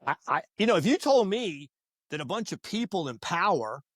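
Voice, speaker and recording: A man talking casually on a podcast, telling stories in a lively way and acting out what people said. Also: high-pitched, moderate pace, no echo, clean studio sound. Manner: animated, acts out quoted voices.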